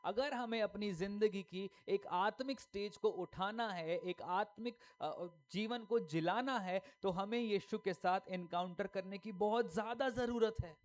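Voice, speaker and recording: A man's voice: high-pitched, unhurried, few pauses, a little hiss or hum. A male pastor preaching a sermon emphatically, firing rhetorical questions and repeating key lines.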